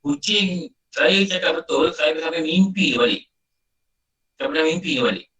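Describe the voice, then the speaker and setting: A man's voice: a little high, animated, normal speed, bright, forceful tone. Malaysian Malay man, roomy distant sound. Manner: conversational, storytelling with repetition. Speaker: religious teacher. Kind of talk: informal religious lecture with Q&A.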